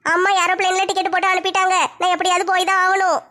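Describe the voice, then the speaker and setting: A woman's voice: extremely high pitch, flat delivery, quick pace, sharp tone. Woman playing a crying young woman. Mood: tearful. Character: tearful young woman leaving home.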